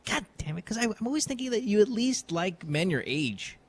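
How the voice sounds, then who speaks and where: A man's voice: sits high, sing-song, a little fast. A man from the Philippines hosting a radio show with casual banter and a blunt way of talking. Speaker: radio host.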